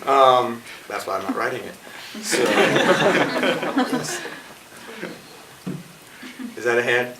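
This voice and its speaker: Heard from a distance in a noisy, echoey performance venue, this twenties-aged playwright-director jokes his way through an audience Q&A. His medium-pitched voice is very animated yet slow, with frequent pauses, and he rambles.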